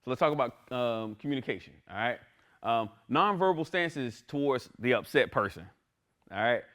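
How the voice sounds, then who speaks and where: A male instructor giving a casual classroom lecture in a mid-range voice. His pitch rises and falls freely as he talks, and he keeps checking in with his listeners. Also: moderate pace. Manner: animated, conversational, asks "right?" often.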